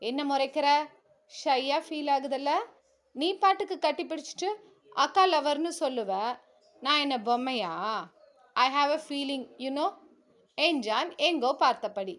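A woman's voice: high voice, unhurried, long pauses, a bit bright. A woman narrating a romance serial, acting out the characters' dialogue expressively. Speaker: story narrator. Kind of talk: storytelling narration with character voices.

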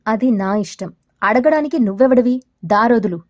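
Defiant young village woman read by a woman storyteller, fairly high voice, scolding tone, audio story. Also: moderate pace, dark tone, dry recording, lo-fi sound, close to an everyday voice. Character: young village woman student, bold and proud.

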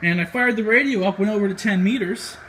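An American amateur radio vlogger talks casually and a bit hesitantly into a handheld camera in a small apartment room. His voice sits high and a bit bright, and he speaks quickly. The audio is poor, with clear background noise from the camera mic.

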